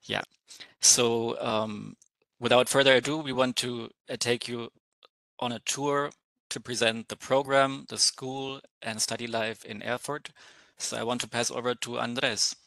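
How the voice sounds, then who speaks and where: Hoarse man on a video call. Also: mid-range voice, steady tone, a little slow, pushed and bright, no room sound, poor audio. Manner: hoarse after a flu, apologetic. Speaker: student recruitment manager. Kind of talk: webinar presentation. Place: private apartment.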